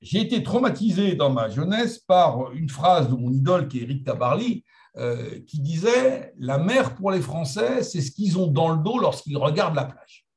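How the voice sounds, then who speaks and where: Animated French man giving a lecture. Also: fairly high pitch, normal speed. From France. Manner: animated, conversational lecturing with asides and humor. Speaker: guest speaker. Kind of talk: lecture to historians.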